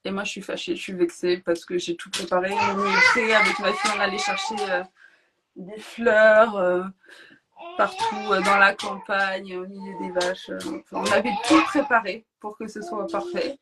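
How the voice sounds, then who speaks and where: A woman guest on a podcast, telling her own story in a lively, emotional way and often laughing between phrases. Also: mid-range voice, moderate pace, very noisy. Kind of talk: personal storytelling.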